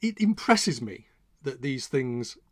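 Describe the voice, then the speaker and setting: Man, mid-pitched, from England, rambling casual chat, dry recording. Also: big pitch swings, slow pace, no room sound. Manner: rambling, self-interrupting, chatty. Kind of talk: casual chat about old comedy.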